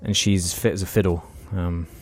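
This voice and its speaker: A man's voice: low-pitched, flat delivery, normal speed, faint music behind. A young man, telling a long story in casual podcast chat and swearing freely. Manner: rambling storytelling, heavy swearing. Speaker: podcast co-host.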